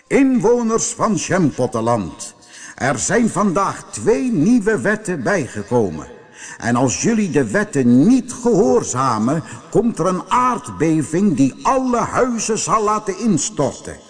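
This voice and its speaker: A man's voice: sits high, big pitch swings, takes it slowly, husky, big-room sound, soft background music, pitched above the performer's own voice, exaggerated voice. A man voicing a giant, bossy male mountain who rules the land and bellows out decrees in a storybook. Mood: commanding. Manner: bellowing, domineering.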